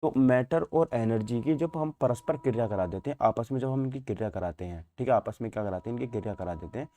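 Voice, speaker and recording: A physics teacher gives an informal online exam-prep lecture in Hindi mixed with English terms, speaking fast in a mellow, medium-pitched voice. He's repetitive, asks questions he then answers himself, and uses frequent check-in tags.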